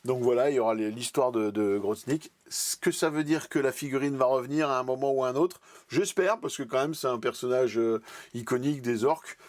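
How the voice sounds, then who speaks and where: A man talking through a relaxed weekly roundup of hobby news, chatty and full of hesitations and restarts. His voice sits at an ordinary middle pitch. The sound is dry and close, with no room echo. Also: fairly quick. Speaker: channel host.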